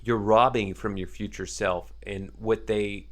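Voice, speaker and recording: Earnest low-voiced man giving advice. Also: steady tone, unhurried, fairly bright tone. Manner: earnest and reflective, builds points with examples. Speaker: podcast guest. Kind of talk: casual conversational advice.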